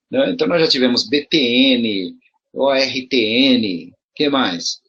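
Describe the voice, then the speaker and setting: Middle-aged Brazilian man, very raspy voice, mid pitch, chatty explainer full of rhetorical questions. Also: animated, takes it slowly, a bit bright, muffled recording. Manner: conversational, rhetorical questions, frequent restarts. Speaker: video commentator addressing promoters. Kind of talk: casual explanatory monologue.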